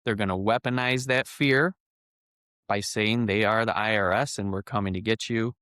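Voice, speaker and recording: A man's voice: on the low side, fairly even intonation, moderate pace, pushed and bright, smooth, no echo, studio quality. A man, a guest on a podcast, chatting casually and earnestly explaining things with examples.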